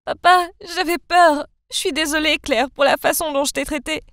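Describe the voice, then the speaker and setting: A woman voicing a remorseful young woman who speaks shakily in an animated story. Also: high voice, moderate pace, vocal fry, dry recording, clean studio sound.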